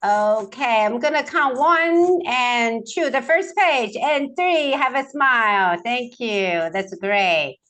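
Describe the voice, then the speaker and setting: A woman's voice: a little high, takes it slowly, few pauses, a bit bright. A woman on a video call taking group photos, cheerfully coaxing everyone through countdowns. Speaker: event photographer.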